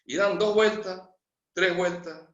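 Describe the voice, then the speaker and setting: A man with an Argentine Spanish accent preaching a storytelling sermon in a church, lively and humorous, acting out the story with quoted voices. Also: high voice, takes it slowly. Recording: echoey church hall, dull lo-fi.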